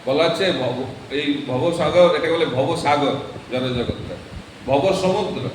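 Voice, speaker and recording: A man's voice: on the high side, measured pace, noisy background. A man, a monk, giving a scripture sermon to a gathering and teaching by asking questions and answering them. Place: temple hall. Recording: echoey hall, speaker far from the mic.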